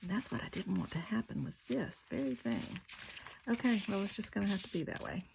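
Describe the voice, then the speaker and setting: A woman's voice: medium pitch, big pitch swings, fairly quick, gravelly, a little mellow, a little hiss or hum, poor audio. A woman, talking casually through a craft tutorial, chatty and self-deprecating, with muttered asides while she works. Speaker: craft video maker.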